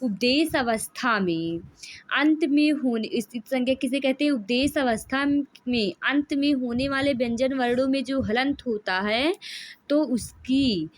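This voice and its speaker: A woman's voice: high-pitched, dry recording. A woman teaching Sanskrit grammar, reading out rules and then explaining them, drawing out vowel sounds to show their length.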